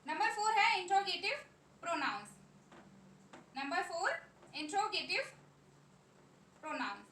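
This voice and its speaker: A very high-pitched woman with an Indian accent teaches a classroom grammar lesson, slowly drilling lists of words and repeating each one. Her voice is bright and carries, and she sounds distant from the mic in an echoey room with faint noise behind her. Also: sing-song. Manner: slow, repetitive drilling of word lists.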